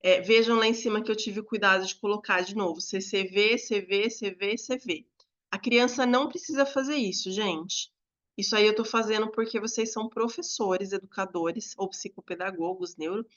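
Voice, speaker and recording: A woman teaches a lesson to fellow educators, walking through each step patiently and stretching certain words out slowly to show them. Her voice sits at a middle pitch, and the recording sounds a little dull and lo-fi. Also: steady tone. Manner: explains step by step, drawing out words.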